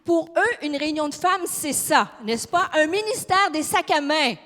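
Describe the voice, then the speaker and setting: A woman with a Québécois accent preaches with fire and emphasis, often putting questions to the congregation. Her voice sits high, and the sound rings with the long reverb of a large church hall. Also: expressive, moderate pace, fairly bright tone. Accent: Québécois French. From Quebec. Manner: fiery, emphatic, questions the audience. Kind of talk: sermon.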